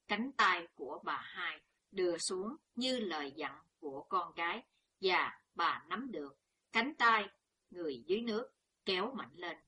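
Slow-reading woman storyteller. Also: on the low side, slightly rough. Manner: steady, measured reading. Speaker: narrator.

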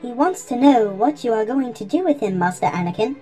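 An anxious male butler robot, prim and forever worried, speaking in a high, swooping voice. The tone is mellow rather than bright, and faint music plays underneath. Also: animated, brisk, rough recording. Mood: fretful. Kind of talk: audiobook character voice.

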